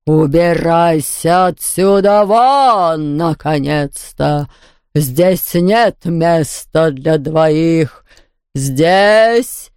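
A woman voicing a huge, cruel female ghost baroness who hisses her words slowly and menacingly. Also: deep voice, a little mellow, clean tone, no room sound, clean studio sound. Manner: hissing, slow and drawn out.

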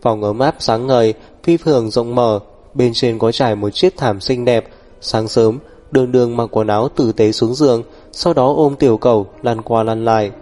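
A man narrating a novel in an even, unhurried storytelling voice. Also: medium pitch. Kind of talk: audiobook novel reading.

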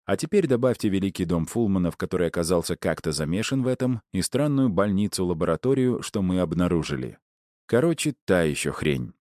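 A man's voice: deep voice, lively intonation, brisk, darkish tone, no room sound, clean studio sound. A man narrating a first-person audiobook in a wry, conversational way.

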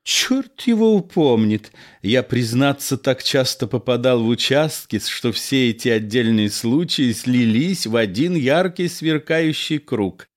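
A man's voice: medium pitch, animated, measured pace, few pauses, pitched above the performer's own voice, close to an everyday voice. A lyrical, theatrical old actor, performed by a male reader. He drawls and declaims with sweeping rises and falls, savoring every word.

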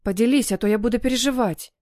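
A woman's voice: fairly high pitch, quick pace, darkish tone, no room sound, pitched above the performer's own voice, close to an everyday voice. Stubborn young bride-to-be voiced by the woman reader, pushy and reproachful, dry close sound. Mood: pleading. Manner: reproachful and pressing. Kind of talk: audiobook romance reading.

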